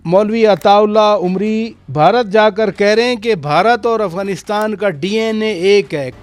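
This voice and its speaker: High-voiced wry male news presenter. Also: dry recording. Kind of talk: news talk.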